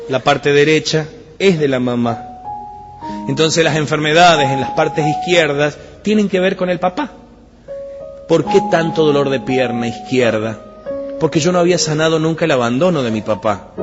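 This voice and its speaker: Impassioned Argentine preacher in a hall. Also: male voice, a little high. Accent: Argentine Spanish. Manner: emotional, rising to impassioned pleas. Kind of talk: sermon testimony. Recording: dull sound in a reverberant hall with music. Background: music playing.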